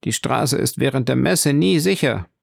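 A man reading an audiobook, voicing a greedy, fearful innkeeper's wife in a shrill, trembling voice. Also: lively intonation, normal speed, gravelly, slightly rough, dry recording, clean studio sound, exaggerated voice. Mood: anxious.

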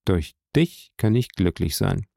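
A man reading aloud plays a grave older nobleman who speaks in a solemn, measured way. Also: low voice, expressive, vocal fry, warm tone, no echo, clean studio sound, heavily acted.

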